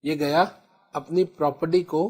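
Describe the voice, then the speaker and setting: An Indian man teaching law in a lecture, calling his students children and slowly repeating key terms. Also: on the high side, steady tone, a little mellow, breathy edge. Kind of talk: classroom lecture in Hindi-English mix.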